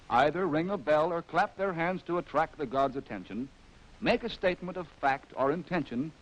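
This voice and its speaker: An animated American man narrates a 1940s military training film in vintage newsreel style, his scripted documentary lines delivered with wry, arch, theatrical phrasing. His voice is on the high side, and the old film soundtrack sounds rough.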